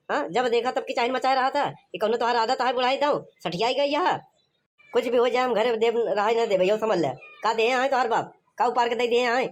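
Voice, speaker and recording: A performer voicing a hot-headed young village man in a cartoon comedy, shouting threats in a rough Awadhi accent. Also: medium pitch, lightly acted.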